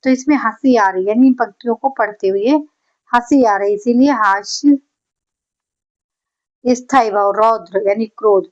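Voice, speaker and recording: A woman teaching an exam-prep grammar lesson, explaining patiently and reciting verse lines slowly. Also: fairly high pitch. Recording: slightly dull lo-fi audio.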